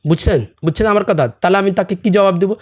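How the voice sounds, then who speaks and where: A man's voice: high voice, fast talker. Earnest middle-aged man, non-native Bengali accent. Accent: non-native Bengali, from a Hindi-speaking camp community. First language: Hindi. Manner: earnest, presses with rhetorical questions like "understand?". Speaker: podcast guest, salon owner. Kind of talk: casual chat.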